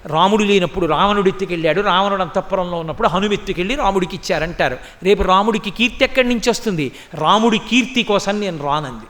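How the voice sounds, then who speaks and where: A man delivers a devotional discourse in a declaiming manner, breaking into chanted verses between retold dialogue. His voice sits high and rings bright. The sound carries a long hall reverb. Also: fast talker. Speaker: religious discourse speaker.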